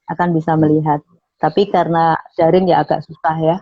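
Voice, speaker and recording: Low-voiced woman teaching public speaking. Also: flat delivery, a little fast. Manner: explains with frequent "nah", acts out sample phrases. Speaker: radio station manager and public speaking trainer. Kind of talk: online interview, explaining. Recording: muffled online call audio.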